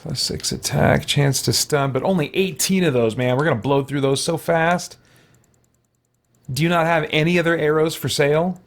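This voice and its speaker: A man with a fairly high, gravelly voice talks at a moderate pace, hosting a role-play gaming playthrough. His commentary is casual, full of thinking aloud, muttering to himself and mild exclamations.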